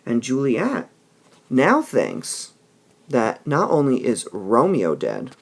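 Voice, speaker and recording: A man's voice: mid-range voice, wildly swooping pitch, takes it slowly, gravelly. A man teaching a literature lesson, explaining patiently and often checking in with "all right?" between passages he reads aloud.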